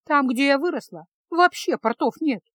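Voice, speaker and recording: A woman's voice: sits high, lively intonation, moderate pace, fairly bright tone, no echo, voice pushed up. A woman reading a storybook, voicing a naive, hot-tempered young village girl who speaks up indignantly. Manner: pleading, indignant, raised voice.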